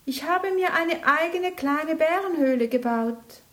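A high, bright little bear cub from a bedtime storybook, eager and playful, pleading to get its way, as a woman reader puts it on. The voice sits well above the reader's own and moves in a slow, drawn-out way. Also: animated. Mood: excited.

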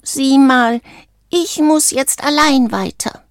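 A woman's voice: takes it slowly, no echo, studio quality. A woman doing a jittery, earnest frog prince. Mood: wistful. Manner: high, excited and emphatic, keeps saying "honestly". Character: anxious earnest male frog who insists he is a prince. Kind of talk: storybook read aloud.

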